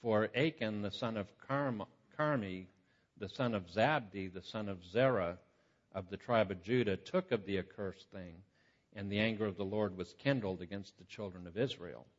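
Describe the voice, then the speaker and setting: A male preacher teaching from the Bible in a halting, conversational way, his voice echoing as if in a big cave. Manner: conversational and halting, with repeated false starts. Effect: booming cave-like echo on the voice. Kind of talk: Bible teaching sermon, reading scripture aloud. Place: large reverberant room. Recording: echoey hall, muffled lo-fi sound.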